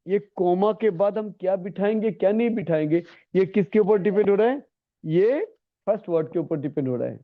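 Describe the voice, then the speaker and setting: Male classroom teacher, high voice, coaxing and repetitive, tinny lo-fi recording. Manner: coaxing, repetitive, calls students "beta". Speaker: English grammar teacher. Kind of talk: classroom lesson.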